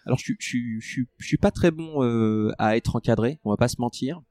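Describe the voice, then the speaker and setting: A man in a relaxed interview, talking through his running training with many fillers and restarts. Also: medium pitch, a little fast, no room sound, studio quality. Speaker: ultra-trail runner guest. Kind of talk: conversational interview.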